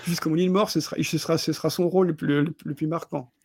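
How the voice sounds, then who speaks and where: Husky man rambling over films. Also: a little high, steady tone, very fast, a little mellow, dry recording, clean studio sound. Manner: stumbling, repeats words often, chuckles while talking. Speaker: podcast co-host reviewing films. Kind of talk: casual film review chat.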